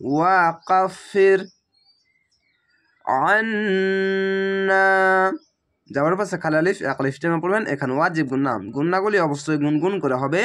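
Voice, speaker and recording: A man teaching Quran reading, chanting each Arabic word slowly and stretched out, then explaining the rules quickly in plain speech. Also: on the high side, fairly bright tone. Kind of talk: slow spelled-out recitation lesson.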